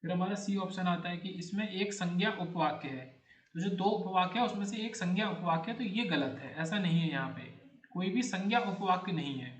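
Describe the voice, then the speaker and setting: A man's voice: sits high, a little fast. A man teaching an exam-prep grammar lecture, explaining step by step and repeating words as he checks each answer. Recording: echoey room.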